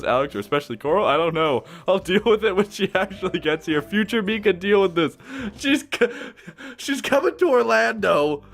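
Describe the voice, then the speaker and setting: A man with a high, light voice reads fan fiction aloud, constantly interrupting himself with giddy asides and laughter. Soft music plays quietly underneath. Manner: excitable, laughs often, gushing asides. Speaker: YouTuber reading fan fiction.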